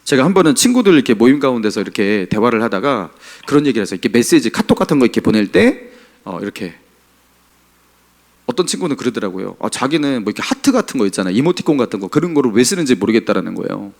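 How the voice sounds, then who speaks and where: A middle-aged pastor preaching a Sunday sermon in a church, asking the congregation questions. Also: male voice, mid-range voice, sing-song, quick pace, creaky, darkish tone. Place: church sanctuary.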